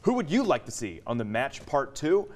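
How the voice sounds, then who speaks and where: A man's voice: medium pitch, very animated, moderate pace. A man from Texas co-hosting a TV sports debate, pressing his case firmly with "look" and "okay?". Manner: assertive, argues a point with "look" and "okay?". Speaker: TV sports co-host. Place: TV studio.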